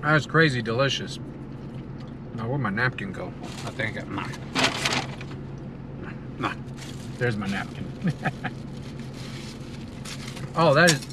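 Sitting in a car, a middle-aged American man with a mid-range voice casually reviews food to camera, savoring it and talking between bites. The car cabin's ambient noise comes through clearly.

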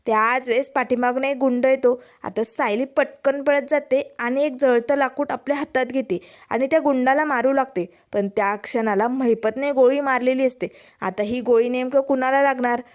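Woman vlogger recapping a tv serial, high voice, dramatic storytelling. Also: steady tone, moderate pace.

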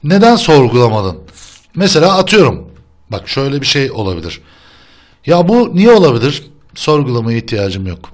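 A young man chats through a gameplay session in a lively, up-and-down voice of middle pitch. He laughs easily and argues his points with playful insistence. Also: moderate pace. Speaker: gaming channel host. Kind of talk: casual gameplay chat.

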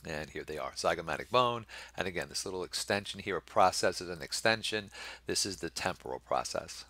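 A man's voice: deep voice, expressive, fairly quick, bright, forceful tone, no echo. A middle-aged man teaching anatomy over slides, explaining patiently and often checking in with the class. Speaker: anatomy instructor. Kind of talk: recorded lecture over slides.

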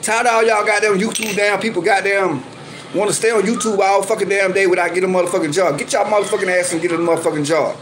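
A man's voice: high voice, fairly even intonation, fast, noisy background. A man ranting angrily on his video channel, scolding and cursing over and over in heated, repetitive bursts. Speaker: YouTube commentator. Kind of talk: angry ranting vlog.

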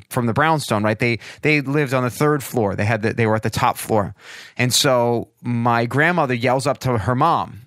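A man hosting a podcast, casually telling a family story with many pauses and restarts. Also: mid-range voice, a bit bright, no room sound, studio quality. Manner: rambling, with many ums and restarts. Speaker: podcast host.

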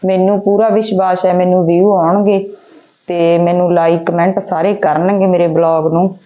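A woman's voice: lowish voice, level tone, normal speed. A woman chatting casually to vlog viewers, exclaiming and repeating phrases for emphasis. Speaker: home vlogger. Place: at home, kitchen and outdoor upper level. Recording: dull lo-fi sound with faint noise.

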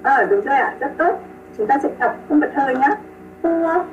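A woman teaching pronunciation online over a video call. She models sounds slowly, repeats them and praises her students. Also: sits high, animated, recorded from a distance, a little hiss or hum. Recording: tinny call audio with music behind.

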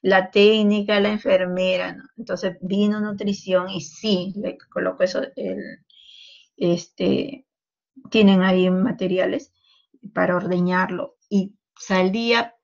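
A woman giving a university medical lecture, explaining calmly and tagging her sentences with a questioning "no". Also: medium pitch, slow, gravelly, dull audio. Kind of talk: university lecture over a call.

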